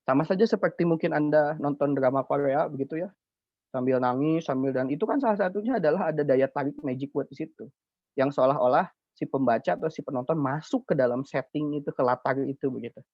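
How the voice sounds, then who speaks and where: A young man with a Sundanese accent gives a chatty, animated lecture on poetry to students. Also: fairly high pitch, fast talker, no room sound. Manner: chatty, animated, uses fillers. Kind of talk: informal online lecture. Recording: dull dry lo-fi recording.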